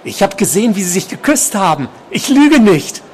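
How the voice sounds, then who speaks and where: A man voicing a soft-spoken, obsessive male psychiatric patient, quiet and insistent, while reading from his novel. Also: sits high, big pitch swings, normal speed, a little hiss or hum, pitched above the performer's own voice. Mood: agitated.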